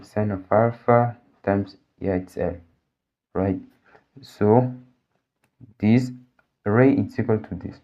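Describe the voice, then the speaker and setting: A physics tutor whose native language is Portuguese works through a problem on a board very slowly in a low voice. He's halting, thinking aloud with lots of fillers and frequent restarts, and the audio sounds dull and lo-fi.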